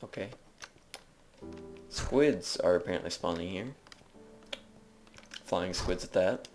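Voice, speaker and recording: A man's voice: sits low, takes it slowly, darkish tone, soft background music. A man giving casual, jokey commentary while playing a video game, rambling as he narrates what he does. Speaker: video game let's player. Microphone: desk microphone.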